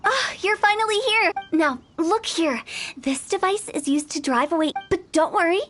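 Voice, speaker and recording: A woman's voice: very high voice, moderate pace, fairly bright tone. A woman voicing a quirky, playful young funeral parlor director in a video game, theatrical and chatty. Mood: explaining, breezy. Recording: music behind the voice.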